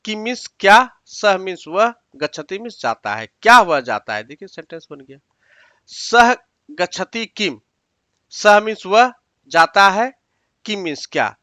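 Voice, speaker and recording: Bright-voiced man teaching patiently. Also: high voice, dry recording. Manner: patient, repeats each word and its meaning step by step; addresses learners directly with instructions. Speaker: Sanskrit teacher. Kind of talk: exam-prep lesson explaining sentences.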